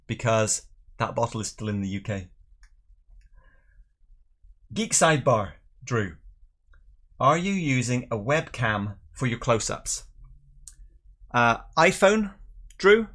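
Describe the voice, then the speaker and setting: A medium-pitched, a bit bright male voice: a middle-aged host from Northern Ireland and England running a live tasting show. His chat is casual and jokey, with viewer comments read out along the way.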